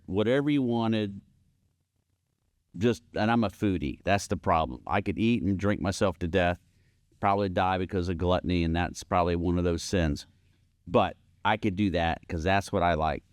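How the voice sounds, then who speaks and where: A man in his fifties co-hosts a podcast in casual chat. He has a somewhat low voice and an easygoing, wry way of talking. The recording is close and dry. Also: darkish tone, no echo. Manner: easygoing, wry, chiming in with asides. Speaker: podcast co-host.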